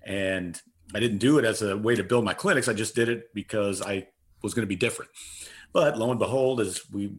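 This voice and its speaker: Earnest lower-voiced middle-aged man. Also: brisk. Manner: earnest, emphatic, repeats key phrases. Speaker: interview guest, customer service consultant. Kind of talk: conversational interview answers.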